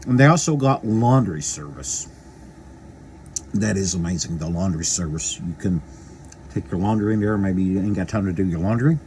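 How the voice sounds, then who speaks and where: Man, very low voice, rambling folksy chat, repeats himself, faint noise behind. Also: normal speed, a little mellow. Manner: eating while talking. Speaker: local video host. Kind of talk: casual chat to camera.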